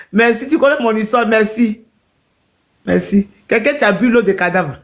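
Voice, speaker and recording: A woman's voice: a little high, unhurried. Emotional woman telling her story to viewers. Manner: repetitive, emotional, addresses viewers directly. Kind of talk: casual live-stream storytelling.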